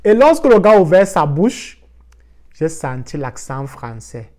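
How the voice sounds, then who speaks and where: A man's voice: a little high, a little slow. Man from Africa telling a casual story. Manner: lively, mixes in English words. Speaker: vlogger.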